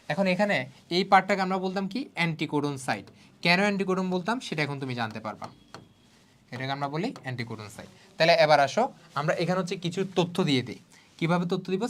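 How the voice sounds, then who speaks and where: A young man from Bangladesh teaches biology online at a quick clip. His delivery is chatty and casual. He keeps asking his students whether they are following, and drops English words into the explanation as he goes. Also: a little high, a bit bright. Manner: checks in with students constantly. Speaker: biology tutor. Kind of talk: online exam-prep lesson.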